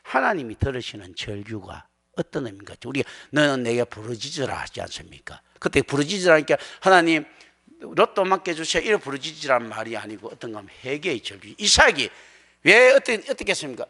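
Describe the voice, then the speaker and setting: A pastor preaching a sermon in a church, animated and acting out the voices he quotes. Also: medium pitch, fast, husky. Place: church sanctuary.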